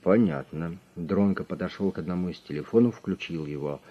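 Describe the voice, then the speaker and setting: A man narrating an audiobook in an even, measured reading, on a slightly muffled recording. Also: low voice. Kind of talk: scripted narration.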